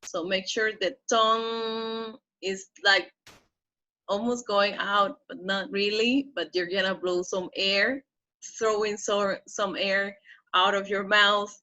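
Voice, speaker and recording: Woman, pronunciation teacher, bright voice, recorded lesson, step-by-step explanations, slow word modeling. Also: mid-range voice, flat delivery, muffled recording. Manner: explains step by step, with frequent "okay?" checks; slows down to model the target words.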